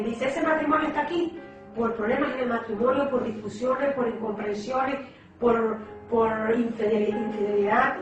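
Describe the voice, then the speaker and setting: A woman giving an emotional religious testimony, repeating herself and calling her listeners brother. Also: mid-range voice. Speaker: testifying church member. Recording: echoey hall, far from mic, with music.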